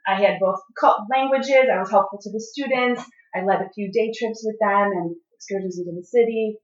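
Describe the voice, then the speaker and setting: A middle-aged woman from the Chicago area, bilingual in English and Italian, speaks earnestly as a guest in a casual interview, with frequent fillers and restarts. Her medium-pitched voice is fairly quick, and the recording sounds dull and roomy, captured from a distance.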